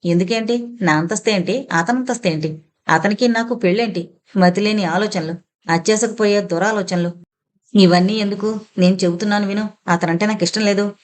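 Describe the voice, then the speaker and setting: A woman's voice: mid-range voice, moderate pace, lightly acted. A woman voicing a proud, defiant young woman held captive in an audio novel, firm and scornful.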